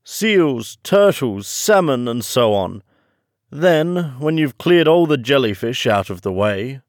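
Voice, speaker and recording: A man voicing a melancholy, excitable sea turtle in a storybook reading, with mournful, emphatic delivery. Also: medium pitch, takes it slowly, no room sound, studio quality, pitched above the performer's own voice. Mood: excited. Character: weepy, melancholy old male sea turtle, excitable at times.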